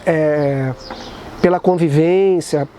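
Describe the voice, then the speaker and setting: A man reflecting aloud in a casual, animated way, with many restarts and tag questions. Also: a little high, takes it slowly, a little hiss or hum. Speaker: vlogger sharing recovery reflections.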